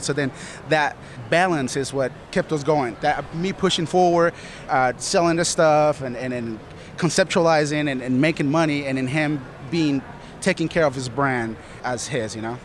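A man's voice: on the high side, a little fast, slight background noise. A man from Colombia answering interview questions earnestly, rambling with many "you know"s. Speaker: studio manager, guest.

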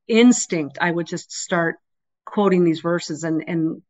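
A woman's voice: on the low side, slow pace, darkish tone. A middle-aged woman speaking as an interview guest over a remote connection, earnest and emphatic in conversational testimony. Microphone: remote call connection. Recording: dull, band-limited remote call.

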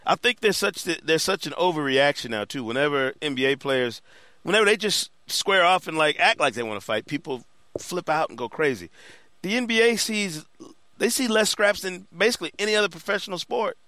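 A man co-hosting a sports podcast, telling stories in an animated, slangy way. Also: fairly high pitch, a little fast, dry recording. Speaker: sportswriter and co-host. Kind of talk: casual sports chat.

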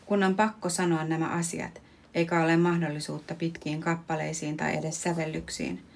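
A woman in her thirties, a podcast host, reading her own prose poem in a measured, reflective way. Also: low voice, little pitch movement, vocal fry.

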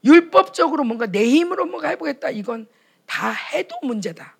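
Brief: high-pitched woman with a gravelly edge, fervent preacher who slips into acted-out exchanges. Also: expressive, moderate pace. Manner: impassioned, acts out quoted dialogues. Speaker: speaker at a retreat for pastors' wives. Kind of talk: sermon.

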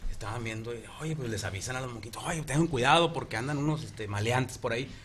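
A man's voice: medium pitch, fast, fairly bright tone, slight background noise. A man with a Mexican Spanish accent, a podcast co-host telling crude jokes in casual chat, slangy and rambling. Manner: slangy, rambling storyteller full of fillers.

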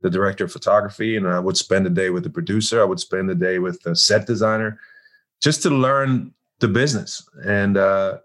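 A German actor in his forties, speaking with a German accent, is the guest in a casual interview. His low, slightly bright voice is halting, with many restarts where he repeats words.

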